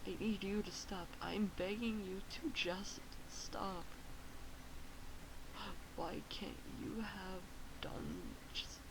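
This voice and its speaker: A woman streamer voicing a tormented, violent man in a dramatic story, halting and pleading between whispers and outbursts, with a creaky voice. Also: medium pitch, fairly even intonation, background noise. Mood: desperate pleading. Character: Adam, tormented violent man torn by unwanted attraction.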